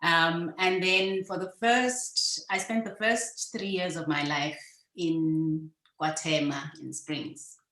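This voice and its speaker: A middle-aged woman from South Africa and Botswana with a low voice, telling her story as an interview guest. She speaks in a measured way and pauses often to gather her thoughts. Her video-call audio sounds roomy and echoey. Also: steady tone, fairly bright tone. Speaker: guest, supply chain specialist. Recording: echoey room.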